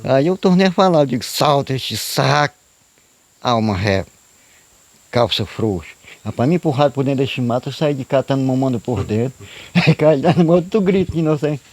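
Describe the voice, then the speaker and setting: A storyteller guest with a dark, higher-pitched voice talks quickly and expressively, with no echo around him. He tells a true tale in a casual, rambling, repetitive folksy way, often adding "né?" and "eu digo".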